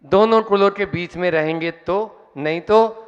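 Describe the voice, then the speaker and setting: Male preacher, high voice, storytelling sermon, dull reverberant hall recording. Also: unhurried, clean tone. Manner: storytelling with quoted exchanges. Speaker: monk preacher.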